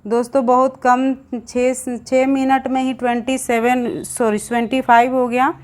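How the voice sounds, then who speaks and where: Fast-listing young woman teacher. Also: high voice, little pitch movement, darkish tone. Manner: lists names rapidly, addressing viewers as friends. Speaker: exam-prep teacher. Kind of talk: rapid exam revision lesson.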